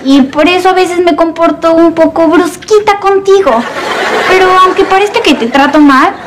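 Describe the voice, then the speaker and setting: A woman's voice: very high-pitched, moderate pace, background noise. An actress playing a dramatic, self-important teenage schoolgirl in a TV sitcom, with a Mexican accent. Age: teens. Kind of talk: television teen sitcom acting.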